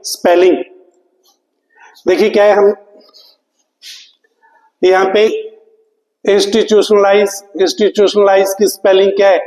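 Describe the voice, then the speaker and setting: A man's voice: high-pitched, level tone, measured pace, pauses often, darkish tone, echoey room, big-room sound, rough recording. A man teaching English spelling to exam students, spelling words out letter by letter and asking the class questions he then answers himself. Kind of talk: exam prep lecture.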